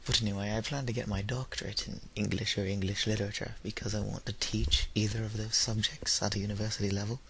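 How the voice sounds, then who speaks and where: Talking fast and flat with hardly a pause, a tired, slightly sick teen or young adult YouTuber rambles alone in an audio log. He's a high-school student with dry, self-mocking humour and a fairly low, slightly bright voice. Background hiss runs through the noisy home recording.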